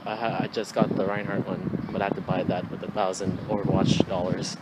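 A low, flat voice comes a little fast from a vlogger in his twenties, who swears and uses slang while rambling to the phone he holds at arm's length. He's outdoors on residential streets, and the handheld phone audio is noisy.

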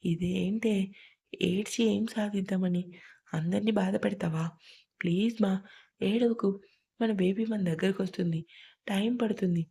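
A man's voice: high-pitched, steady tone, a little slow, vocal fry, pauses often, mellow, breathy edge, exaggerated voice. A woman voicing a caring young husband in an audio story, speaking in a soothing, reassuring way. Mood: comforting. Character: young husband, gentle and caring toward his wife.

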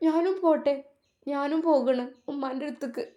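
A woman's voice: sits high, moderate pace, dark tone, muffled recording, pitched above the performer's own voice, natural voice. A woman voicing a small grieving girl who sobs and begs. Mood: tearful pleading. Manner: sobbing, begging.

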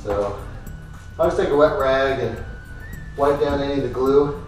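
A man in his thirties casually explaining his woodworking build in a home garage workshop, halting with many ums and uhs. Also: mid-range voice. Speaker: woodworking vlogger. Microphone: far camera. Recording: echoey garage, voice from far off, music behind.

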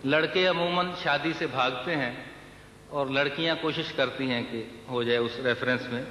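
A man reciting humorous poetry at a poetry gathering, repeating each verse slowly, at times half-singing. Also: medium pitch, sharp tone. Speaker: poet. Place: stage of a large hall with a live audience. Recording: echoey hall, slight noise, live event.

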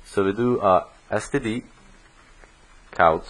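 A man talks through code for a programming course, explaining each step as he types. He speaks very slowly in a lowish voice. The audio quality is poor. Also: fairly bright tone. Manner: slow, step-by-step explaining while typing code. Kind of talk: screen-recorded coding tutorial.

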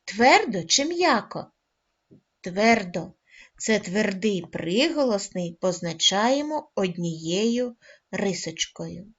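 A woman teaching a lesson to first graders, speaking slowly and deliberately and drawing out each sound for the children. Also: medium pitch, very animated, a bit bright. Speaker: primary school teacher. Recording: dull lo-fi recording.

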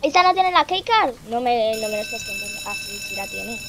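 A woman, commentating her gameplay in an excitable way and often shrieking or laughing. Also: on the high side, brisk, noisy background. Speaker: gaming streamer.

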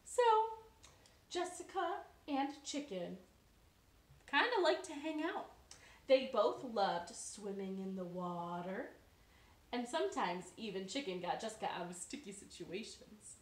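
A young adult woman, a children's storyteller, gives a storytime for young children indoors in a living room, and the recording has that roomy living-room sound. Her mid-range voice is animated, and she keeps a measured pace.

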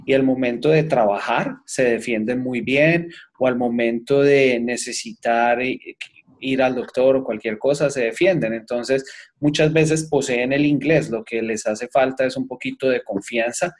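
A man's voice: mid-range voice, fairly even intonation, unhurried. A man with a Colombian accent, an accountant presenting an earnest seminar talk on a video call. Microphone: webcam on a video call.

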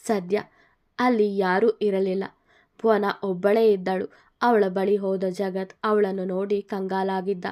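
A woman narrating a love story in a calm, even voice. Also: medium pitch, measured pace.

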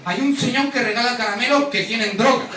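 A man's voice: very high voice, fast, heavy background noise, voice pushed up. A man voicing a fussy mother who nags her young children to be careful. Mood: warning. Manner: repeated cautioning, nagging. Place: comedy stage with a live audience. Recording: roomy, distant mic, audience laughter.

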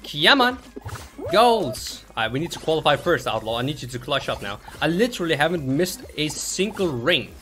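A man's voice: fairly high pitch, fast, hardly any pauses, a bit bright, soft background music. A man hosting a gaming session, chatting casually, laughing often and trash-talking other players. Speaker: gaming channel host.

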